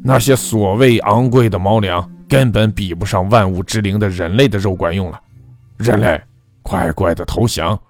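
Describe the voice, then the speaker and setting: A man voicing a sinister male cat demon with a human face, speaking low, cold and sneering. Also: moderate pace, faint music behind, natural voice. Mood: contemptuous.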